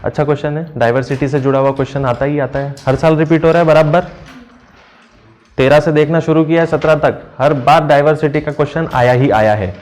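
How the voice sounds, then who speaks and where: A man teaching an exam-prep lesson, walking through answers step by step and asking questions that he then answers himself, reading phrases slowly and translating them. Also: mid-range voice, darkish tone.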